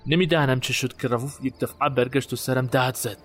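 An actor playing a guilt-haunted man recalling a night burial, in a halting, haunted way. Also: mid-range voice, fairly even intonation, faint music behind, lightly acted. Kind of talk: audio drama acting.

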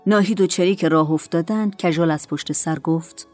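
Low-voiced woman narrating a drama. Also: a little mellow, faint music behind. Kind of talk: scripted story narration.

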